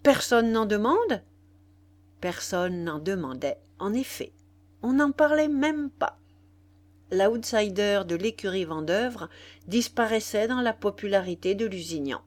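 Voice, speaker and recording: Woman audiobook narrator, dramatic, unhurried, voice rising and falling a lot. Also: medium pitch. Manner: expressive, dramatic reading. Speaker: audiobook reader.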